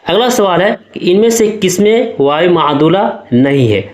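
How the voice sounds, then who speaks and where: A fairly high-voiced male teacher works through an exam-prep lesson, tackling the questions one by one at normal speed. Expressive and patient, he explains every answer and keeps making sure the class follows along. There's a noticeable echo from the room.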